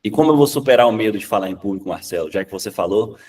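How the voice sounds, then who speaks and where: A man with a Brazilian Portuguese accent teaching public speaking in a lively, conversational way, often checking in with "tá?" and acting out examples. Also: lowish voice, very fast, far from the mic. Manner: acts out examples in changed voices.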